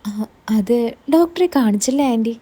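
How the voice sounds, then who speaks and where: A woman voicing an eager young man who asks gentle questions and consoles. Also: on the high side, animated, normal speed. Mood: consoling.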